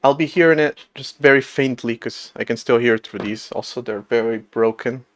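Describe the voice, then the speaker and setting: A man's voice: mid-range voice, moderate pace, fairly bright tone, dry recording. A man in his late twenties chatting casually on a coding livestream from a room at home, rambling and self-deprecating with frequent laughs. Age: late 20s. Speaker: livestreamer coding an operating system.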